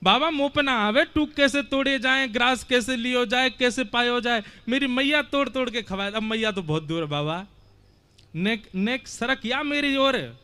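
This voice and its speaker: A man voicing a simple young male cowherd, speaking high, innocent and coaxing. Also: normal speed, pushed and bright, clear, resonant tone, heavily acted.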